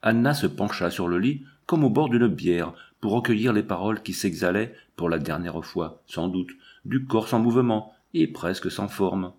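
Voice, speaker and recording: A middle-aged man reading a literary novel aloud in a measured, grave manner, dropping to a soft murmur in quiet passages. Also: fairly low pitch, animated. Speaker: audiobook reader. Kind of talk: literary audiobook narration.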